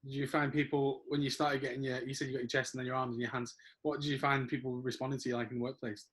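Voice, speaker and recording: A man's voice: mid-range voice, level tone, fast talker, fairly bright tone. A man hosting a casual interview, blunt and opinionated, swearing freely. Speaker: host.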